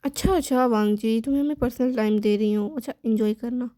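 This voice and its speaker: A woman's voice: a little high, steady tone, a little fast, warm tone, no room sound, clean studio sound, lightly acted. A woman reading as a stern, doting mother. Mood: motherly. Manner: scolding yet fond.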